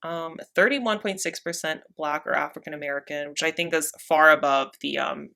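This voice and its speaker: Young woman, podcast co-host, bright tone, wry, sarcastic, tipsy. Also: sits low, moderate pace, gravelly. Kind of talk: casual chat.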